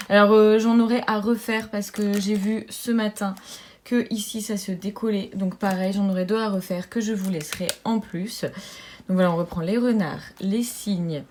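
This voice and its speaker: A woman budgeting vlogger chatting casually to her viewers, bubbly and talkative, often laughing and filling pauses. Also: medium pitch, darkish tone, a little hiss or hum.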